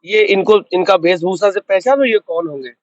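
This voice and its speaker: A man's voice: sits high, moderate pace, no room sound, highs cut off. A man working as a roving reporter, firing probing questions at passersby and cutting in often. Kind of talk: street interview.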